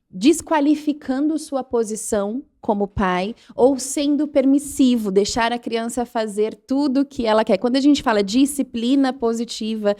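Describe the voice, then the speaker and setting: Brazilian woman, thirties, high voice, earnest storyteller, podcast guest. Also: dark tone. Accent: Brazilian Portuguese. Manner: earnest storytelling, acts out quoted lines. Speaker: guest, parent educator. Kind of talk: interview conversation. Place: podcast studio.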